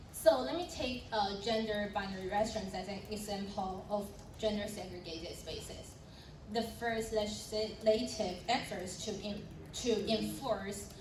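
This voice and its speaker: A young adult woman from Taiwan, moderating a panel in a friendly way with fillers and light laughs. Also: mid-range voice. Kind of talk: panel introductions and presentation. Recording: roomy sound from a distant mic with background noise.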